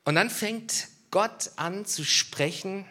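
A middle-aged man preaching a sermon as pastor, swinging from loud emphasis to hushed near-whispers. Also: high-pitched, slow.

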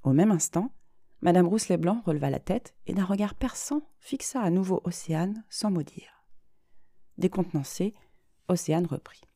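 A woman narrating her own short story in an even, measured reading voice. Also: fairly low pitch, dry recording, studio quality.

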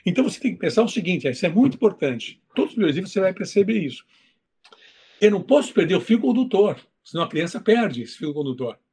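A man who writes children's books, talking in an interview and telling stories in a lively way, acting out the voices in his anecdotes. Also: sits high, quick pace, breathy edge. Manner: animated storytelling, acts out voices. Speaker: children's book author. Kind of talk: interview talk.

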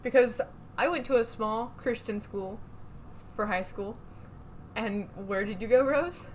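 A woman's voice: fairly high pitch, measured pace, a little hiss or hum. A young adult woman co-hosting a podcast, talking in a chatty, giggly way. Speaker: podcast co-host. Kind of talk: casual chat.

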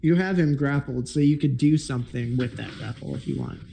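A man running a tabletop game as game master, relaxed and rambling, with many fillers. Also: mid-range voice, fairly quick, creaky, a little hiss or hum.

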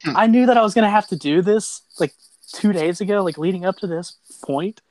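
A man's voice: high-pitched, brisk, darkish tone, rough recording. A man hosting a sports podcast in casual banter, blunt and freely profane. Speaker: podcast host. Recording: clear background noise.

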